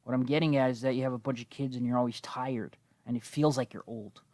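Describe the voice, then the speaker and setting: A man's voice: medium pitch, steady tone, fast, dark tone, no echo. Slightly wheezy young man with a cold. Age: 20s. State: coming down with a cold. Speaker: gaming video host. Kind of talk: casual rambling gameplay commentary.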